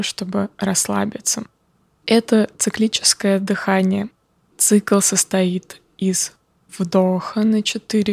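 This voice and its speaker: A woman guiding a breathing meditation, calm, soft and measured, slowly counting breaths with pauses. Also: medium pitch, no echo. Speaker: breathing exercise guide.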